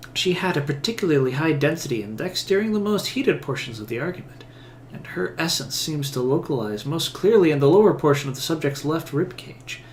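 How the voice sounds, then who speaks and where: A man voicing a fussy, eager woman scholar who speaks in brisk, clinical terms. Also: fairly high pitch, slight background noise, natural voice. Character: eager, fussy female scholar studying souls.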